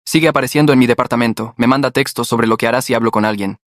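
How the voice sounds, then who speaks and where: Un hombre que da voz a una joven asustada y llorosa que suplica, con acento mexicano. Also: male voice, medium pitch, rapid-fire, no echo, studio quality, lightly acted. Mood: frightened pleading. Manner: pleading, tearful. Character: frightened young woman, the narrator's girlfriend.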